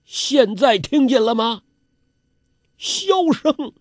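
A man's voice: very high voice, sing-song, extremely slow, no room sound, clean studio sound, voice pushed up, full character voice. A man voicing a proud, scheming older martial-arts master in a theatrical, exclaiming way. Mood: hushed.

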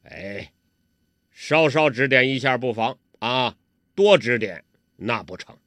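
A man doing a booming old beggar master. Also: animated, takes it slowly, a bit bright, dry recording. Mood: jovial. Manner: gruff, bantering, booming. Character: jovial old male beggar martial master.

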